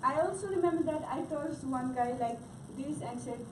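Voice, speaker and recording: A young Nepali woman, a native Gurung speaker with a Nepali accent, gives a faltering class presentation full of fillers and restarts. Her voice sits high and moves at a moderate pace. She is heard from a distance in a noisy room with echo.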